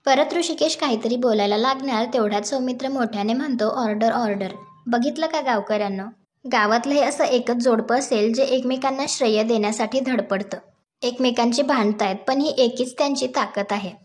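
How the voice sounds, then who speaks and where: A woman narrating a television episode recap, steady storytelling that links quoted lines. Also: on the high side, brisk. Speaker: voice-over narrator.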